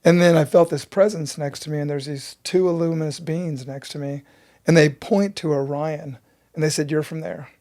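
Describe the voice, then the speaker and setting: A man's voice: on the high side, fairly even intonation, normal speed, dark tone. A man in his fifties, a breathwork teacher telling his story with earnest intensity in an interview.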